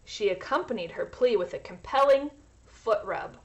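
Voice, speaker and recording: A woman with a fairly high voice reads a children's storybook aloud, expressive and teacherly, pausing to explain words to her young listeners.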